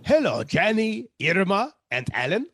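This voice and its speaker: A woman playing a droll, obliging male professor with a husky voice in a 1940s-style radio comedy. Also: medium pitch, sing-song, unhurried, heavy background noise.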